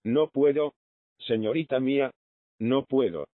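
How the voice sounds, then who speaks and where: A man's voice: medium pitch, a little slow, dry recording, natural voice. A man reading a pleading orphan girl. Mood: distraught. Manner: pleading, distraught. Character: poor orphan girl, humble and anguished. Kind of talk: audiobook reading. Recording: thin phone-like lo-fi sound.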